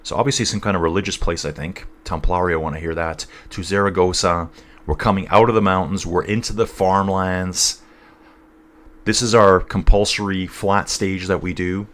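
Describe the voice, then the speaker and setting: A man's voice: low-pitched, steady tone, moderate pace, fairly bright tone. A man from North East England hosting a casual cycling livestream, rambling between race commentary and reading out viewer chat, calling everyone dude and guys.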